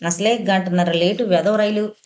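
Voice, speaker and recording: A woman's voice: mid-range voice, fairly even intonation, normal speed, darkish tone, lightly acted. A woman voicing an impatient young man who rattles off irritated complaints. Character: impatient young man, grumbling brother-in-law.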